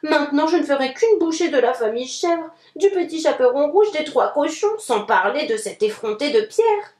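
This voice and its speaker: A hungry young wolf with a soft heart grumbles through a storybook, as a woman reads him out. The voice rings in an echoey room. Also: sits high, animated, normal speed. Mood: eager.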